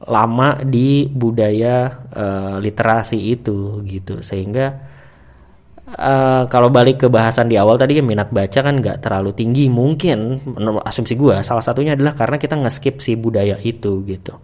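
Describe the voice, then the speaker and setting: A young man from Indonesia, talking to camera in a relaxed, chatty monologue full of fillers and restarts. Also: mid-range voice. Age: young adult. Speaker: vlogger. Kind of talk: casual monologue.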